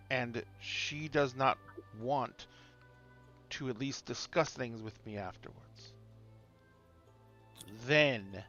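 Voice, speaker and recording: Ancient male lich, acted by a game master: frankly evil schemer, deliberate pauses, dull lo-fi sound over music. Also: mid-range voice, fairly bright tone. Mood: bargaining.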